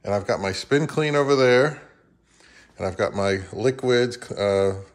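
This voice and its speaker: This channel host and record collector is a man in his fifties whose voice sits at a medium pitch and moves at a measured pace. Indoors at home, in his living room and kitchen, he talks in a casual, offhand way that suits a home product review vlog.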